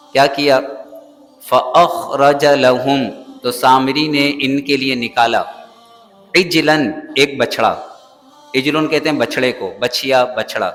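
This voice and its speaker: A man's voice: medium pitch, fairly bright tone. A man from Pakistan teaching a Quran lesson in a mosque. He chants verses melodically, then translates and explains them plainly. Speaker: Islamic scholar teaching the Quran. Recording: long hall reverb, faint music behind.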